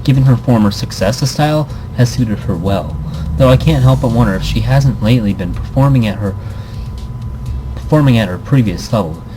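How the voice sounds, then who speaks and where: Over background music and noise, a man with a mid-range, animated voice reads a visual novel aloud at a brisk clip in this low-quality recording. As a let's player, he comments casually, rambles, cuts himself off, and throws in playful asides.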